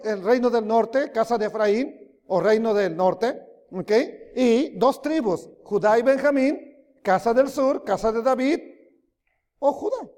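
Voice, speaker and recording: A man preaching a sermon, emphatic, swinging between loud rises and quiet drops, often asking his listeners questions. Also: extremely high pitch. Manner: emphatic, rising and dropping loudly, asks the audience questions. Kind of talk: sermon teaching. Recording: long hall reverb.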